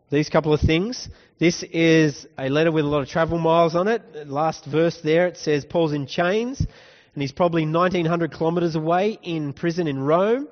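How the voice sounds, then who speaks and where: Man, pastor, chatty sermon, fairly high voice, dull sound with long reverb. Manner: conversational, asks the congregation questions.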